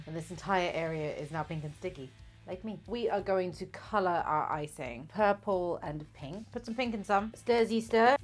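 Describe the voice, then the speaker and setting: A tipsy, giggly, rambling woman chatting casually as host of a comic baking vlog, sweary, self-mocking and playfully crude. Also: on the low side. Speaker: host of a comedic baking video.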